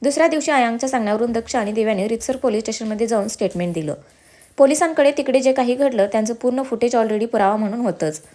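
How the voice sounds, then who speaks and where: A woman narrating a serialized family drama story with expressive storytelling. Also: fairly high pitch, quick pace.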